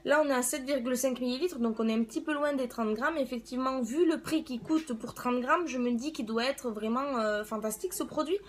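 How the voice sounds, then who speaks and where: A woman's voice: high voice, brisk, few pauses. A woman giving a casual product review as a beauty vlogger, chatting in a hesitant way as if thinking aloud.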